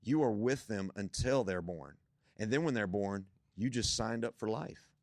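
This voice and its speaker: A man's voice: lowish voice, expressive, normal speed, dry recording, studio quality. A young man, a guest on a church podcast, talking about faith in an emphatic, preacherly way that builds to strong points.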